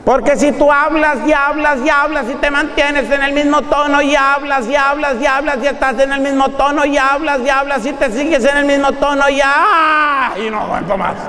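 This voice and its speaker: Preacher doing a shrill fed-up husband. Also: male voice, level tone, moderate pace, few pauses, bright, forceful tone, in a large hall. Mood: exasperated mockery. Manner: shrill, repetitive, mocking singsong. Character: exasperated husband fed up with droning nagging.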